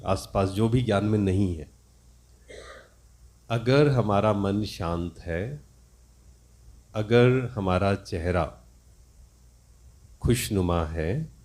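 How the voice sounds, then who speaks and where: A man's voice: fairly low pitch, dark tone. A man giving a spiritual discourse, teaching reflectively and asking his listeners questions.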